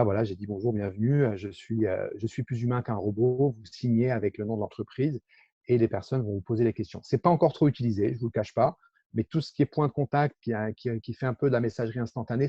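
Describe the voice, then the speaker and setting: A man from France gives an online workshop, talking through his screen share with many pauses and fillers. His voice is dark and a little husky. The sound is dry and dull, as from a computer mic on a video call. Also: mid-range voice, no room sound. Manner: explanatory, hesitant with many fillers. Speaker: workshop presenter.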